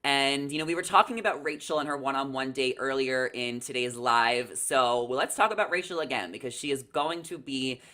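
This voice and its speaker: A man's voice: medium pitch, a little fast, hardly any pauses, pushed and bright. A young man co-hosting a reality TV recap, giving casual, chatty and emphatic live commentary over a video call. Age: young adult. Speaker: co-host of a reality TV recap show. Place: small indoor room, video call.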